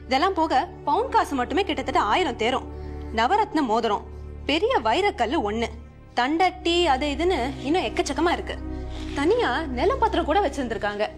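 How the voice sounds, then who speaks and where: A woman's voice: sits high, sing-song, moderate pace. An actress playing a bold young woman writer who is confident and defiant, in a television serial. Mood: boastful. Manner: confident, teasing. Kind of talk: 1990s television serial acting. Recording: music underneath.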